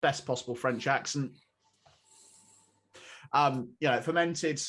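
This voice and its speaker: A man's voice: a little high, a little fast, a bit bright. A man, co-hosting a podcast in casual chat, rambling and repeating words as he restarts. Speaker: podcast co-host.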